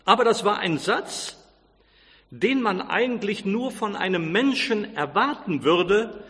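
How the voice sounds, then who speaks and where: Animated man telling a sermon story. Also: sits high, unhurried, big-room sound. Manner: animated storyteller acting out quoted lines.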